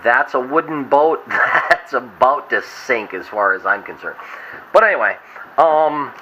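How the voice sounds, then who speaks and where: A man's voice: mid-range voice, expressive, measured pace, bright, forceful tone. A hungover man giving a casual, unscripted show-and-tell as a vlogger, rambling and trailing off mid-thought. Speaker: hobbyist vlogger. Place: inside a wooden boat. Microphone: camera glasses worn on the head. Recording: dull lo-fi sound with faint noise.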